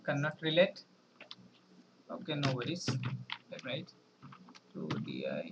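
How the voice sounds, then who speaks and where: A man teaching a French lesson on a video call, explaining slowly, spelling words letter by letter and often checking in with his students. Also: on the high side, very animated, noisy background. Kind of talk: online language lesson.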